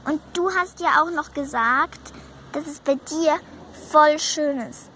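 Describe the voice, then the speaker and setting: A woman's voice: high-pitched, slow, sharp tone, a little hiss or hum, voice pushed up, exaggerated voice. Woman voicing a whiny hungry young horse. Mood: complaining. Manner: sulky, complaining.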